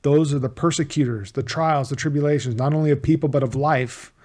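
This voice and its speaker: A man's voice: a little high, steady tone, a little fast, darkish tone. Earnest man giving Bible teaching. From United States. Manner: earnest, repeats key words, restarts phrases.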